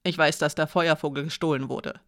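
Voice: mid-range voice, moderate pace, no echo, studio quality, natural voice. A narrator voicing a proud woman guard who speaks sharply and with menace, in an audiobook. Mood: stern. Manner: sharp, hard, threatening.

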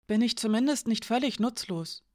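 A woman's voice: fairly high pitch, lively intonation, normal speed, darkish tone, voice pushed up, natural voice. A woman reading an audiobook, voicing a young woman full of guilt who pleads through tears. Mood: tearful. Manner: pleading, emotional.

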